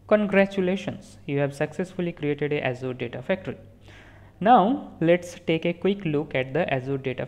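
In a voice-over recorded separately from the screen capture, a tutorial instructor with a mid-range voice walks through software one step at a time. He calmly narrates each click and now and then corrects a word partway through a sentence.

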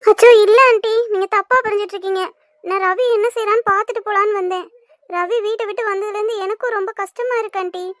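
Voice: extremely high pitch, steady tone, fast, fairly bright tone, no room sound, studio quality. A performer voicing a remorseful young woman from a rich family who pleads and apologizes in a cartoon. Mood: pleading. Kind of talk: cartoon voice acting.

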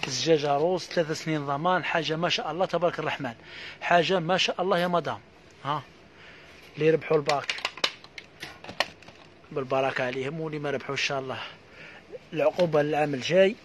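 A man with an Algerian accent giving a live sales pitch for housewares, reeling off prices in a quick patter full of repeated blessings. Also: a little hiss or hum. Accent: Algerian Arabic. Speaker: housewares shop seller.

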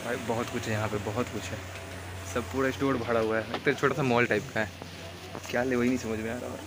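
A young adult student vlogger talks fast at medium pitch in a flat delivery, narrating informally into a handheld camera held at arm's length. He moves around outdoors on campus, through streets and a station. Loud music plays over the phone-style outdoor audio, making it very noisy.

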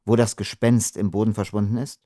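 A man's voice: lowish voice, flat delivery, fairly quick, dark tone, no room sound, clean studio sound, lightly acted. A man reading an audiobook, voicing a young ranger who holds back his anger with tense restraint. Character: young blond male ranger, barely controlled anger.

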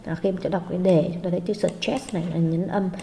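Low-voiced woman teacher, reverberant room. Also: fairly even intonation, quick pace, creaky, warm tone. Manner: patient, hesitant with frequent fillers. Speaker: English teacher. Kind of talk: explaining exam answers. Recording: long hall reverb, faint noise.

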